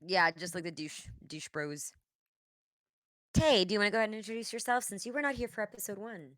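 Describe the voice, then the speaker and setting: A woman's voice: medium pitch, fairly quick, a bit bright, no room sound. Upbeat woman hosting a voice call. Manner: upbeat, teasing, keeps the call moving. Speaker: host of a voice-acting live read. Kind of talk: casual chat introducing the cast. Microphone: video call microphone.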